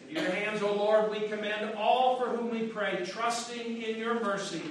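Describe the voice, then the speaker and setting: High-voiced pastor in cathedral echo. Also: male voice, fairly even intonation, recorded from a distance, a little hiss or hum. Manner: measured, solemn intoning. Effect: large church echo. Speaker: pastor leading worship. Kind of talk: liturgical prayer and chant. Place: large church sanctuary. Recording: echoey church heard from afar.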